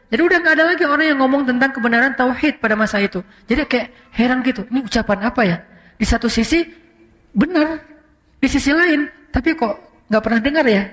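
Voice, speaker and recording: A male preacher tells a story in a relaxed, chatty sermon style. He slips English words into his speech. His voice sits very high for a man, and it trails off into a long hall echo. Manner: conversational, mixing in English words, animated retelling.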